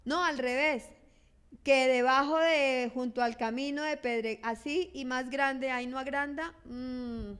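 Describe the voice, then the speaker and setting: A woman pastor delivers a sermon with a high voice. Her preaching is animated and expressive. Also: unhurried, smooth. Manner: animated, acts out churchgoers' lines in quoted voices.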